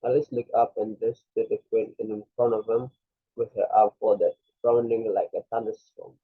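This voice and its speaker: A man's voice: lowish voice, little pitch movement, breathy edge, no echo. A man reading a storybook aloud, often stopping to correct himself. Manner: halting, self-correcting reading. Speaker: reader. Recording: dry, tinny phone-like recording.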